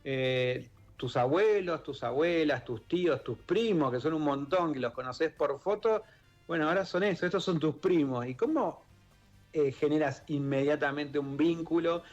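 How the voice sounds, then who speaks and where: Faint music plays behind this muffled recording of a man at normal speed, his voice a little high. As a guest in a radio studio, the Italian-born, Argentine-raised author and member of an exile-children group reflects thoughtfully in Rioplatense Spanish, often restarting and using fillers.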